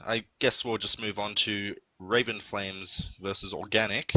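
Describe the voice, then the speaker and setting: A man commentates on the match in an easygoing, matter-of-fact way. His voice is fairly low yet bright and forceful in tone. The sound is dry and a little dull, as from a cheap headset mic. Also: fairly even intonation, measured pace, no echo. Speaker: esports caster. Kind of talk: casual live game commentary.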